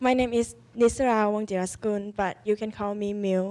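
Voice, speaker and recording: A young woman gives a shy introduction, her voice jumping high and quick. She sounds slightly away from the microphone. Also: steady tone, mellow. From Thailand. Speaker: exchange student.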